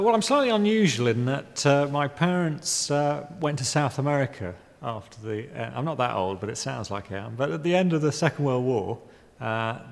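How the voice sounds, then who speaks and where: A man in his fifties from Guyana answers interview questions about his art, halting and wry, full of ums and restarts. His voice is gravelly. The sound carries a long reverb from a large exhibition space. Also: medium pitch. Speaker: artist interviewee. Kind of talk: hesitant reflective interview answers. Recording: reverberant room.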